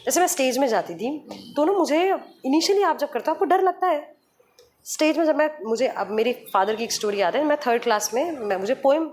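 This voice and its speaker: A woman's voice: high-pitched, lively intonation, fairly quick, a little mellow, slight background noise. A woman radio jockey being interviewed, explaining patiently with examples and slipping in English phrases. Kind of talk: podcast interview conversation.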